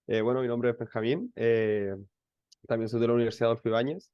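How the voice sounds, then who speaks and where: A man's voice: medium pitch, fairly even intonation, clean tone, dry recording, muffled recording. A young man with a Chilean accent introducing himself, with frequent eh fillers. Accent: Chilean Spanish. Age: young adult. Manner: fast, filler eh. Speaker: law student. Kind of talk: self-introduction.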